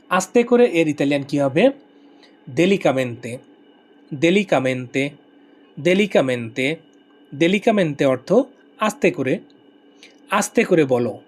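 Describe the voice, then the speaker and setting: A Bengali-speaking man teaching a language lesson, repeating each word slowly several times so listeners can copy it. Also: fairly high pitch.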